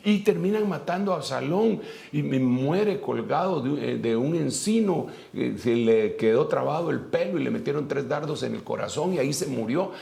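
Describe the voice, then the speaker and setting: Gravelly-voiced man preaching a sermon. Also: fairly high pitch. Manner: retells scripture in a lively storytelling way with pauses and restarts. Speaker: pastor.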